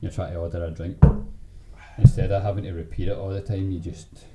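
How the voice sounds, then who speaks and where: Deep-voiced and flat in delivery, this podcast host from Scotland talks a little fast in a broad Scottish accent. He trades anecdotes in a casual way, full of slang and swearing, over a roomy echo with background noise.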